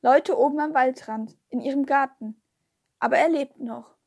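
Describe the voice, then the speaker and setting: A woman reading aloud plays a determined young girl in a storybook, urgent and hushed as she presses her point. The voice is high and light. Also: normal speed.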